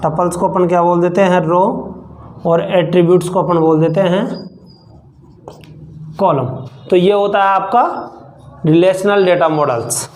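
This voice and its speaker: A male computer teacher, dictating a lesson slowly and repeating each phrase so students can write it down. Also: high voice, fairly even intonation, darkish tone, low-quality recording. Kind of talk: slow dictation-style lesson.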